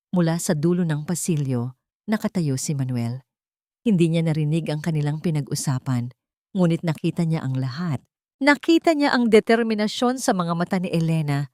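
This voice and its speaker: An audiobook narrator, a woman with a low, slightly mellow voice, tells a scripted dramatic story in an earnest and suspenseful way. It's a studio-quality recording without echo.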